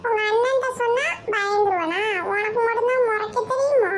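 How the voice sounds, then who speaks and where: Cartoon lead: a cheeky squeaky little boy, piping high voice. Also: brisk, slight background noise. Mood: teasing. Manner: squeaky, bickering, mock-sweet when apologising. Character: cheeky teasing young boy. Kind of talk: cartoon voice acting.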